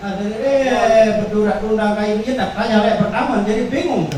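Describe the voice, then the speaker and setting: A man teaching a workshop on traditional verse, explaining slowly with many fillers and repeated words. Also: high-pitched, background noise. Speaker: workshop instructor. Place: workshop room. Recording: echoey room, far from the mic.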